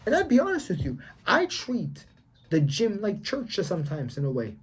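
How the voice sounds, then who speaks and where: With huge swings in his high-pitched, husky voice, a young man lectures the viewer about his faith at a moderate pace. The casual vlog monologue is slangy and emphatic, and he repeats himself often.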